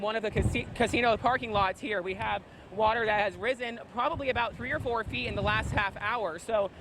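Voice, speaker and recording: A man giving a live field news report outdoors in a hurricane, raising his voice to carry over the storm. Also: sits high. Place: outdoors near a flooded coastal parking lot in a hurricane. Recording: clear wind and outdoor storm noise. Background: wind and outdoor ambience.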